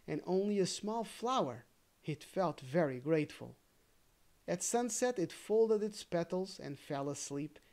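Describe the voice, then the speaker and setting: In a mid-range voice, this storybook reader tells a fairy tale carefully and with gentle expressiveness, adding casual asides along the way.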